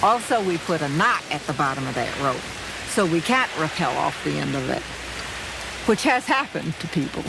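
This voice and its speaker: A woman's voice: deep voice, big pitch swings, normal speed, gravelly. A woman caver explaining her practice in an interview, recorded on location with hissy, watery noise.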